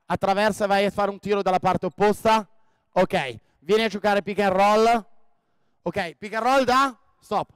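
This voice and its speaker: Guy coaching players on a court, pretty high voice, smooth and dry, keeps saying ok. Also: fairly bright tone, no room sound. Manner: directs players with quick commands, frequent ok?. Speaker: basketball coach. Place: indoor sports hall.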